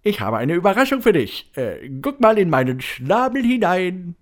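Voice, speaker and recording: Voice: mid-range voice, very animated, moderate pace, pitched above the performer's own voice, natural voice. A storyteller voicing a proud, chatty male pelican who talks eagerly in a children's storybook reading.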